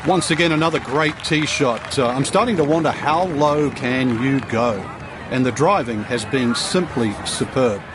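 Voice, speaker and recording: A man's voice: mid-range voice, normal speed, crowd noise, background noise. A man giving golf commentary as the analyst alongside the main commentator.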